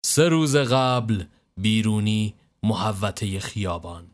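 A man reading a scripted story in a steady, even narrating voice. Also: lowish voice.

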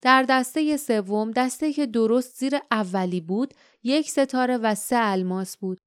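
A woman narrating an audiobook in a steady storytelling manner. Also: on the high side, smooth, no room sound, clean studio sound.

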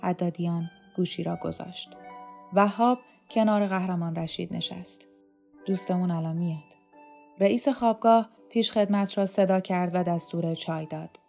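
A woman narrating a novel as an audiobook reader, in a calm, measured voice. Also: on the low side, creaky, faint music behind. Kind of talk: scripted narration.

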